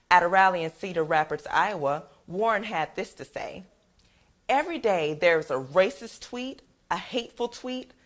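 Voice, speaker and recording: Female news anchor, lowish voice, steady read-out delivery.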